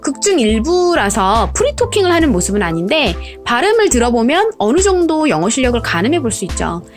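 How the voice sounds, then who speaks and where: A woman's voice: a little high, very animated, a little fast. A woman in her thirties hosting a casual lesson, chatty and demonstrating pronunciation by repeating words. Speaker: English teacher host. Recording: roomy echo with background music.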